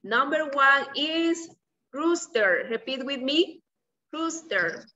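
A young woman, a native Spanish speaker, teaches small children in a slow, simple, encouraging way, as if talking to a toddler, having them repeat words. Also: high voice, expressive, pushed and bright. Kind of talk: preschool vocabulary lesson for repeat-after-me practice. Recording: distant, slightly muffled video-call audio.

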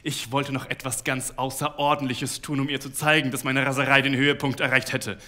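Intense male reader, bright voice. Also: mid-range voice, flat delivery, brisk. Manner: intense, building to shouted outbursts. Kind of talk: dramatic literary reading.

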